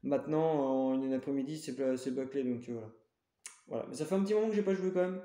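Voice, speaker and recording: A man's voice: medium pitch, fast, mellow. Hesitant French man, echoey room. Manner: hesitant, many fillers and self-corrections. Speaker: game collector vlogger. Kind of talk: casual show-and-tell.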